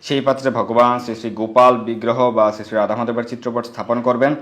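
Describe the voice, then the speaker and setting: A man's voice: medium pitch, flat delivery, quick pace, fairly bright tone. A man explaining devotional ritual steps in a formal, methodical way, as a religious instructor. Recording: echoey room.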